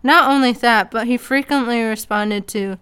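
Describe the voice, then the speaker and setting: A woman's voice: fairly high pitch, moderate pace, fairly bright tone, smooth. A woman narrating a comedic story in a casual, sarcastic way. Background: faint background music.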